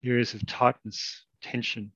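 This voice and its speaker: A man leading a guided meditation in a slow, soft, calm way with long pauses. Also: medium pitch, slightly rough, no echo, lo-fi sound.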